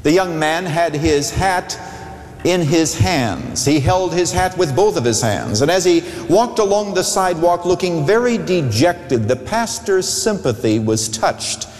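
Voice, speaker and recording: A man pastor preaching a sermon at a pulpit microphone, telling a story with an expressive, storytelling delivery. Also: fairly high pitch, unhurried. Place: large church sanctuary. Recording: echoey church hall with long reverb.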